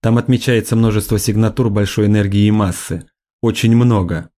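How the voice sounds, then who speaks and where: A curt, controlled female starship commander speaks in short, clipped lines, voiced by a male audiobook reader. The voice sits low and dark, with little warmth in it. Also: fairly even intonation, a little fast, lightly acted. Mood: cold.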